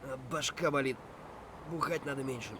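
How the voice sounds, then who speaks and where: A man's voice: mid-range voice, brisk, a bit bright, a little hiss or hum, natural voice. An actor playing a boisterous, crude male scavenger thug in a video game, with brash, swaggering lines. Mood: rowdy.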